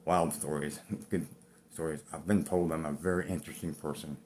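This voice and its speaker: A man's voice: extremely low pitch, steady tone, normal speed, a little mellow, a little hiss or hum. A man in his fifties talking to camera in a blunt, profane, rambling way. He is out of breath as he speaks. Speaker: vlogger. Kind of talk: personal talk to camera.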